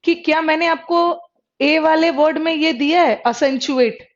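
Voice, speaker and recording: A woman's voice: high voice, normal speed. A woman teaching English vocabulary in a live online class, explaining in mixed Hindi and English, repeating words and checking with her students. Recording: dull lo-fi sound.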